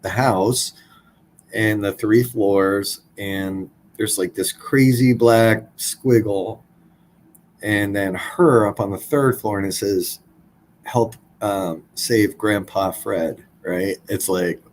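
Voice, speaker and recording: Man in his forties, low voice, blunt and casual, swears a lot, podcast guest, faint background noise. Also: fairly even intonation, slow pace, poor audio. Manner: blunt, swears freely, many fillers. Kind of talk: casual storytelling.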